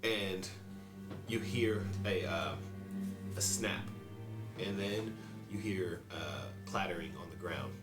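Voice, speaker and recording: A man narrating as game master of a tabletop role-playing game, pausing often with fillers. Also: low voice. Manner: hesitant, full of fillers. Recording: roomy, distant mic, music behind.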